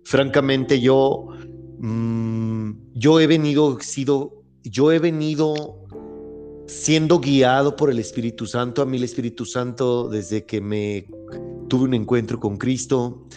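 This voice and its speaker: A man hosts a faith podcast in an earnest, rambling way, circling back and restarting his sentences. His voice sits at an ordinary middle pitch. Soft music plays faintly behind him. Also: fairly even intonation, slow pace. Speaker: podcast host. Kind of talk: casual faith-based podcast conversation.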